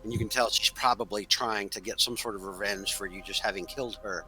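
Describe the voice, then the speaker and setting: A young man narrates a tabletop horror game as its game master, filling the gaps with lots of ums and you-knows. His voice is very bright and forward, and faint music plays behind him. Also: fairly low pitch, fairly even intonation, fairly quick, poor audio. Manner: loose, filler-heavy narration.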